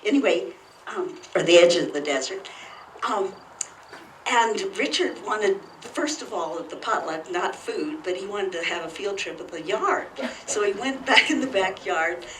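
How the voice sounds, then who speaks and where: A woman's voice: mid-range voice, animated, measured pace, a bit bright. A woman telling a hesitant, amused personal anecdote at a memorial gathering. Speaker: speaker at a memorial. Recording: echoey room, far from mic, faint noise.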